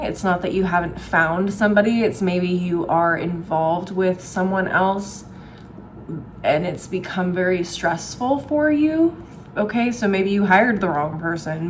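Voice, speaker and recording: A woman's voice: lowish voice, a little hiss or hum. A woman giving a casual, chatty tarot reading to viewers, with a dry throat from a cold and frequent swallowing. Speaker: tarot reader and astrologer host.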